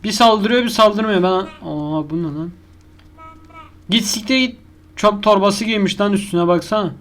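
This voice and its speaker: This man speaks at normal speed in a high, fairly bright voice while commentating live on a horror game for YouTube. His manner is crude: he swears nonstop, lets out yelps when scared, and talks back to the monster.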